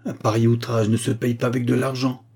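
A man's voice: medium pitch, little pitch movement, a little fast, vocal fry, darkish tone, slightly rough. A man voicing a bitter, grieving male doctor who lashes out indignantly, hammering each word. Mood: furious, contemptuous.

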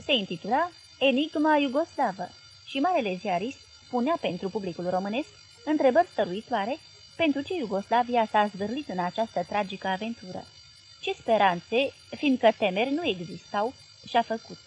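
A woman reads a novel aloud at a measured pace, her voice sitting fairly high. Her narration is clear and unhurried. Soft music plays faintly underneath. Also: animated. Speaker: audiobook narrator. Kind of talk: literary audiobook reading.

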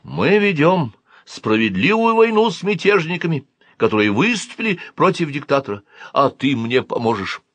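A man's voice: a little high, big pitch swings, moderate pace, a bit bright, no echo, voice pushed up. A smug alien security major who talks down in soothing, patronizing tones, as a man reading an audiobook puts him on. The voice sits well above the reader's own and moves a lot. The recording is dry and close. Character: smug alien security major living inside a boy's head.

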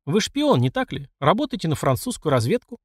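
Man reading a calm, teasing old emperor. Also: fairly high pitch, husky, dry recording, studio quality, voice pushed up. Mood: amused calm. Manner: politely teasing, unhurried. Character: calm ironic aging male emperor, bald.

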